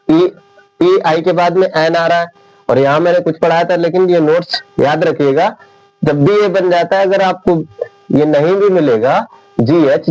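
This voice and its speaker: A man teaching an English lesson, talking slowly and deliberately and repeating each point. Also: fairly high pitch, darkish tone, lo-fi sound. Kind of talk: classroom lecture.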